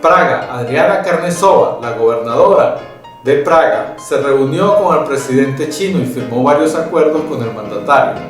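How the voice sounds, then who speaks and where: A man presenting a weekly news summary, reading in a steady, measured way with small slips. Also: medium pitch, far from the mic. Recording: very echoey room, voice from afar, faint guitar.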